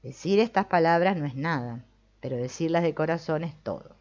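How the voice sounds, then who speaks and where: A middle-aged woman with a Rioplatense Spanish accent giving an informal spiritual talk, animated and colloquial, acting out quoted voices for humor. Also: low-pitched, a little fast. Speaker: spiritual teacher. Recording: dull lo-fi recording.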